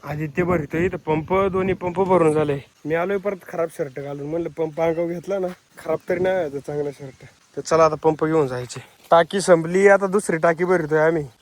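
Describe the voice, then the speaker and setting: A man's voice: on the high side, steady tone, fairly quick, few pauses. A man talking casually to viewers as he vlogs outdoors, in a chatty way, recorded on a handheld phone. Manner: chatty, addresses viewers directly. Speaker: vlogger. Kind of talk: casual vlog narration. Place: outdoors, farm and village.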